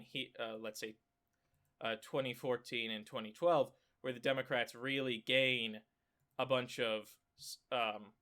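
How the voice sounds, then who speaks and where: A medium-pitched man with a stuffy nose walks through election maps on his own political commentary YouTube channel. It's a casual screen-share analysis where he thinks out loud, using lots of fillers and corrections and bursting into excited exclamations.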